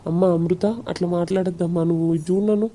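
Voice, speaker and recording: A woman voicing a calm, kindly doctor in a cartoon, who talks in a gentle, reassuring way. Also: on the low side, rapid-fire, lightly acted.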